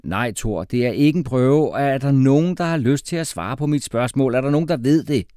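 A man voicing an exasperated male schoolteacher who shouts and gets flustered. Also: medium pitch, lively intonation, dry recording, studio quality, pitched above the performer's own voice, close to an everyday voice.

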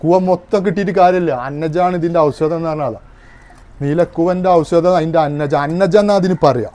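A man talks through a hands-on demonstration in a relaxed, casual way. His voice sits high for a man. He explains one step at a time and keeps asking whether you have followed. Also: brisk. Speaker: home arrowroot powder maker demonstrating.

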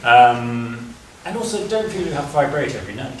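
A man's voice: mid-range voice, very animated, a little fast, very noisy. A middle-aged man teaching a music masterclass, playful and questioning, laughing often. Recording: echoey hall, distant mic, music behind.

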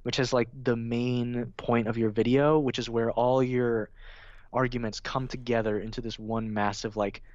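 A man's voice: mid-range voice, flat delivery, normal speed, no echo. A young man chats casually as a guest, his talk loose and full of fillers. He livens up when he acts out his own delivery. The recording is dry and slightly dull, like a lo-fi mic. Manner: filler-heavy, says "like" and "you know" often. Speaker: guest, film video essayist. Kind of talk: casual interview chat.

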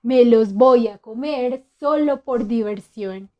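A woman voicing a big scary monster in a children's story, roaring and crying out loudly. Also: on the high side, slow, lo-fi sound. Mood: menacing. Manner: roaring, loud cries for help. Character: big scary monster, boastful then panicky.

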